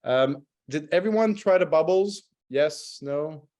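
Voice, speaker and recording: This wine brand ambassador is middle-aged, from Montreal, Canada, and French by mother tongue, with hints of Australian and South African in his French Canadian accent. Running a video-call tasting, he talks slowly and expressively in a fairly high, slightly mellow voice, chatting loosely and correcting himself as he goes.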